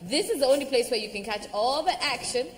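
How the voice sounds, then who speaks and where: A woman hosts a TV reunion panel with a high, very animated voice. She teases her guests and laughs easily. Her voice rings in a big hall with a long reverb and a faint hum of ambience. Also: fast. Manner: lively, teasing, laughs often. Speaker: reunion show host.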